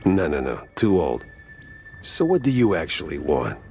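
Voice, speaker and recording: A man's voice: rumbling low, sing-song, moderate pace, gravelly, exaggerated voice. A man voicing a wisecracking hard-boiled mouse detective, wry and incredulous, in a noir video game. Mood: wry, unimpressed. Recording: loud music behind the voice.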